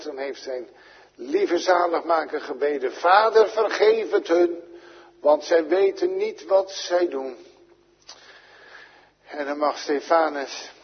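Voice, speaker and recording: A man's voice: medium pitch, slightly rough. A Dutch-accented man preaching a sermon, earnest, his voice swelling when he quotes prayers. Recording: dull lo-fi recording in a reverberant church.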